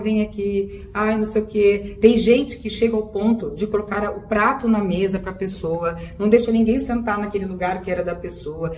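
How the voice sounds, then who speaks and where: A woman gives spiritual advice in a loose, chatty way, turning often to her listeners. Her voice sits at an ordinary middle pitch. It comes from a step back from the mic, with a roomy echo and a faint hiss underneath. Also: a little mellow. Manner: conversational, repeats phrases, often addresses listeners directly. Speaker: holistic therapist. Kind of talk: spiritual advice talk to viewers. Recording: roomy echo, voice a bit far from the mic, faint background noise.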